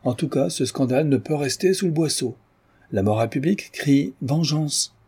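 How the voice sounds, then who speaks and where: A man's voice: fairly low pitch, moderate pace, warm tone, slightly rough. A man reading an audiobook, voicing a haughty elderly countess who talks in an imperious, indignant way. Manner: indignant, commanding society talk.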